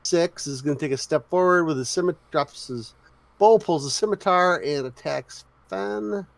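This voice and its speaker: A man acting as game master, narrating a tabletop game with relaxed, chatty rulings. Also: a little high, moderate pace.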